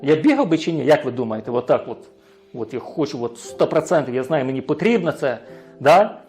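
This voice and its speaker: A man's voice: mid-range voice, very animated, a little fast, a little mellow, soft background music. A man preaching a sermon, often asking his congregation rhetorical questions and tagging his sentences with a questioning "right?".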